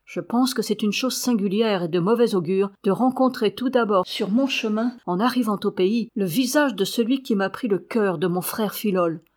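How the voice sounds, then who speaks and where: A woman voicing a grim, brooding one-armed young male sergeant in an audiobook, speaking slowly and measuredly. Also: medium pitch, a little mellow, close to an everyday voice. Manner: slow, measured.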